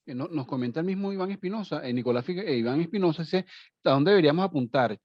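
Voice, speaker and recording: Fast-talking moderator, dull dry audio. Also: male voice, a little high, expressive, no room sound. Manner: brisk, reads names and questions. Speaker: moderator reading audience questions. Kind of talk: reading questions aloud.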